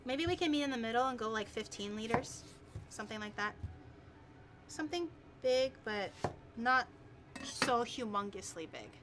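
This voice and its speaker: A woman with a high-pitched voice hosts a casual live stream while cooking. She talks playfully to her viewers, teasing them and swearing lightly. The recording has noticeable noise, with clicks and chopping behind her. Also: lively intonation, moderate pace, pauses often.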